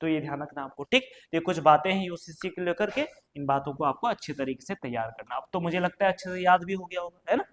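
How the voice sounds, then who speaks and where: A high-voiced man teaching an exam-prep class. He keeps asking the class questions and answering them himself, peppering his lesson with little checks like "right?". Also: quick pace, few pauses, a bit bright, slight background noise. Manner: questions then answers himself, frequent "ठीक है" and "है ना". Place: coaching classroom or studio.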